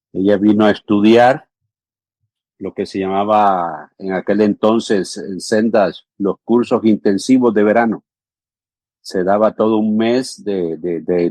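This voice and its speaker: In this conversational interview, a man from El Salvador in his fifties, a pastor and theological education coordinator, talks earnestly and frequently uses little fillers such as "¿sí?" and "ujú". His lowish voice has a slightly mellow quality, and the recording has no echo.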